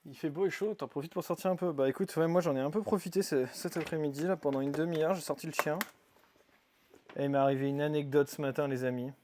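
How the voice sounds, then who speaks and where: A man's voice: fairly high pitch, fast, darkish tone. A man on a live stream reading out viewers' comments and chatting back casually. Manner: chatty, reading comments aloud and answering them.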